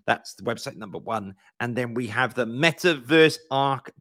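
A man's voice: mid-range voice, a bit bright, dry recording. A man with a Welsh accent hosting a live-stream interview, upbeat and chatty as he wraps up and thanks his guest. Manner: upbeat, spells out web addresses slowly. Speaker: host.

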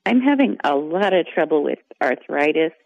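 Woman, 60s, radio show phone caller, gravelly voice, dry muffled phone line. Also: sits low, expressive, moderate pace, no echo. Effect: phone caller heard on a radio show. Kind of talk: casual phone chat with the host.

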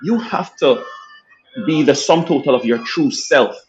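A man with a Jamaican accent, born in Nigeria, talking as a guest physician in a casual interview, animated and laughing often, restarting phrases as he goes. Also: fairly high pitch, a little slow, dull audio, a little hiss or hum. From born in Nigeria, raised in Jamaica.

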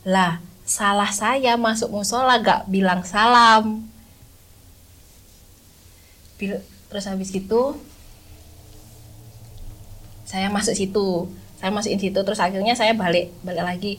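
A woman, a podcast guest who recalls a camping trip in a casual, halting way, often stopping to search for words. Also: medium pitch, steady tone, fairly bright tone, rough recording. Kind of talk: casual spoken recollection.

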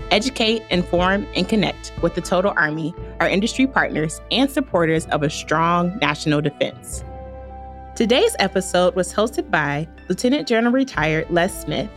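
Announcer: American woman, lowish pitch, scripted podcast credits read over soft guitar music. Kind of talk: scripted outro narration. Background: background guitar music.

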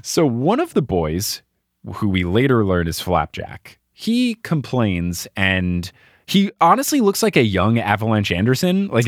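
A man's voice: on the low side, no room sound, studio quality. A man hosting a podcast, recapping a cartoon episode in a wry, chatty way. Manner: chatty, wry storyteller, keeps score. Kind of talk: casual chat.

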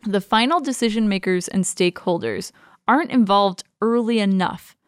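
A woman's voice: medium pitch, moderate pace, dry recording, clean studio sound. A woman co-hosting a podcast in casual chat, upbeat and laughing often. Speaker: podcast co-host.

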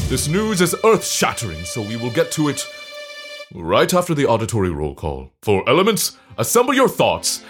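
A man playing a pompous, grandiose old-time sailor in a comedic audio drama, speaking in theatrical proclamations. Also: mid-range voice.

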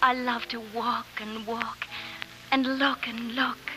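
A woman's voice: on the high side, little pitch movement, takes it slowly, pushed and bright, low-quality recording. An actress playing an eager young woman who dreams of stardom, breathless, earnest and dramatic, in a 1940s radio play. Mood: rapturous. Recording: old radio broadcast with music.

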